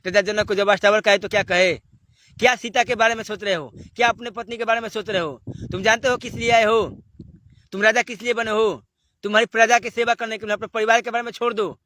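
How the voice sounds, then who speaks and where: A man's voice: sits high, fairly even intonation, fast talker, bright, forceful tone. A man giving a devotional sermon, exhorting listeners and firing off rhetorical questions. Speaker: spiritual preacher.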